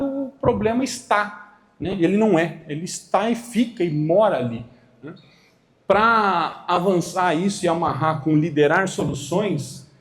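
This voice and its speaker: A Brazilian man giving an internal corporate training talk to a room, acting out little dialogues as he goes. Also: sits high. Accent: Brazilian Portuguese. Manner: animated, acts out dialogues.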